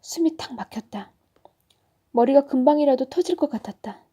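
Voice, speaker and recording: A woman storyteller reading a children's story aloud in a soft, often whispery narration. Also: high-pitched, lively intonation, normal speed.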